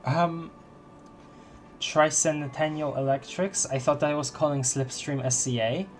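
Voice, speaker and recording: A man streaming a game with casual live commentary, reacting and reading on-screen text aloud in a halting way. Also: fairly high pitch, steady tone, a little hiss or hum.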